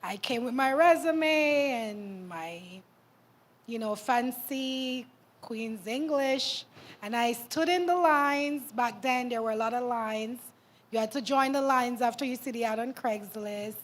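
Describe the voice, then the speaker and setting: A woman's voice: a little high, measured pace. A woman from the Caribbean telling her immigration story as a panel guest, candid with self-deprecating asides. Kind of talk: personal storytelling in a panel talk.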